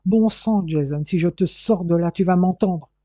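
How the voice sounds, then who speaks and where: A man's voice: on the high side, fairly even intonation, moderate pace, mellow, no room sound, natural voice. A man voicing an anxious, stern but loving father who gives urgent orders. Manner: urgent, commanding.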